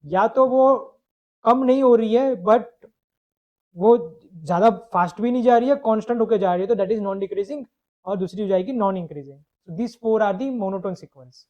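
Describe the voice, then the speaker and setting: A man's voice: high-pitched, measured pace, muffled recording. A man teaching a live online math lecture. He explains step by step, asks questions and answers them himself, and mixes English phrases into his explanation.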